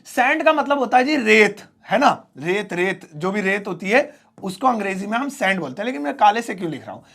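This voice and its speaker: A man teaching an English lesson, his voice sitting high with a gravelly edge to it. He explains word by word in a playful, theatrical way, slipping in jokes and mock exclamations between examples. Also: very animated, a little fast, a bit bright. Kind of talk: Hindi-language English lesson at a whiteboard.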